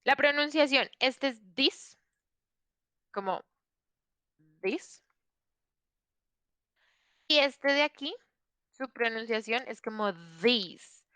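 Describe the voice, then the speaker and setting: A woman's voice: sits high, a little slow, pushed and bright, clear, resonant tone, no room sound. A woman teaching an online English class, explaining patiently and checking in often with her students.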